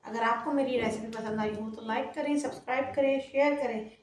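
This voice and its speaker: A woman's voice: fairly high pitch, fairly even intonation, brisk, darkish tone, echoey room. A woman hosting a cooking channel, narrating a home recipe step by step as she works in her kitchen. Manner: plain, explains each step as she works.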